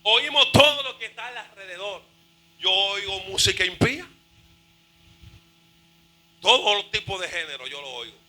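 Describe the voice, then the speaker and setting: A male pastor preaching a fervent sermon, shouting and half-singing his phrases. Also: sits high, expressive, unhurried, pauses often, a little hiss or hum, low-quality recording.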